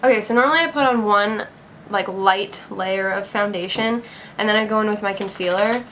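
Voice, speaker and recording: A woman's voice: medium pitch, moderate pace, fairly bright tone. Young female vlogger, casual talk-through makeup tutorial, breezy filler-heavy delivery, faint background hiss. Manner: chatty, upbeat, lots of "like" and "gonna". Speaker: beauty vlogger.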